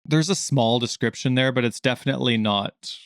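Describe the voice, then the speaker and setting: A man co-hosting a casual gaming podcast, talking in an animated way and acting out the questions he quotes in a higher voice. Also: brisk, clean tone, no room sound, studio quality. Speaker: podcast co-host.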